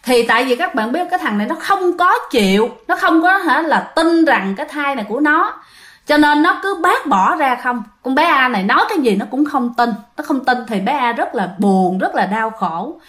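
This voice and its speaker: A woman's voice: high-pitched, animated, moderate pace, fairly bright tone. A woman with a Southern Vietnamese accent telling a ghost story in a chatty way, often addressing her listeners directly. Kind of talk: casual spoken ghost storytelling.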